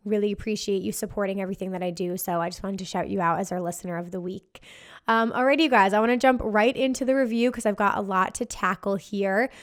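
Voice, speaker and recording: Giddy party-girl podcast host, clear female voice. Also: medium pitch. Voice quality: worn post-party voice. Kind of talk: casual podcast monologue, festival recap.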